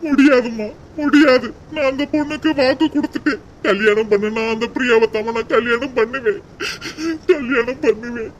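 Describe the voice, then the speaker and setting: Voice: mid-range voice, a little fast, slight background noise, close to an everyday voice. A voice actor playing a heartbroken, stubborn young man in a cartoon, crying and pleading, with a Tirunelveli Tamil accent. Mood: stubborn, tearful. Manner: sobbing, pleading. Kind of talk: amateur cartoon voice acting.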